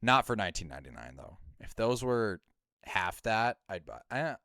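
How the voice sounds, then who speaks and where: A man with a Midwestern American accent, a streamer chatting casually and reading viewer comments aloud, often trailing off quietly. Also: lowish voice, big pitch swings. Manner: talks fast, trails off quietly, reads out comments. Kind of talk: casual chat.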